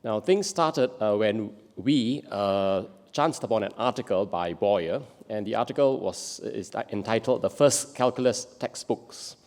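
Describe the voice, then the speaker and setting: A man's voice: fairly low pitch, lively intonation, darkish tone. Man from Singapore presenting in a hall. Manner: measured, self-correcting. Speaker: lecturer. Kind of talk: lightning talk. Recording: reverberant conference hall.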